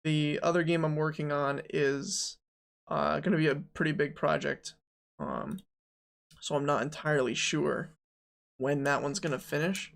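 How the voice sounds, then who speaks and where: A twenty-something game-dev streamer talks through their work casually, joking, rambling and filling space with ums as they think aloud. Their voice is creaky and mid-range with fairly even intonation, delivered a little slowly.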